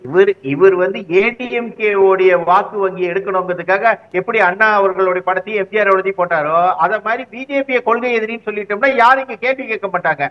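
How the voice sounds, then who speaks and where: A man's voice: high voice, steady tone, fast talker, hardly any pauses, highs cut off. A man speaking as a guest commentator in a heated political interview, arguing his side with repeated rhetorical questions.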